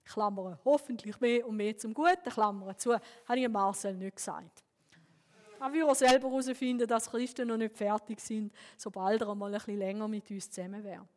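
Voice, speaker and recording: A woman pastor with a Swiss German accent, preaching a sermon through personal stories in an earnest, lively way. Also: medium pitch, normal speed, in a large hall.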